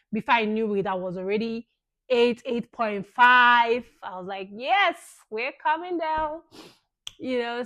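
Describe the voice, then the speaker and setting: A woman's voice: a little high, no echo. A young woman vlogger earnestly recounting a personal experience in a casual, thankful way, often saying "you know".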